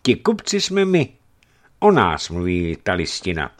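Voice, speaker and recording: A man's voice: low-pitched, wildly swooping pitch. A man voicing a tall, red-bearded male merchant who jokes and bullies his way past a guard. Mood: bantering. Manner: joking, brash.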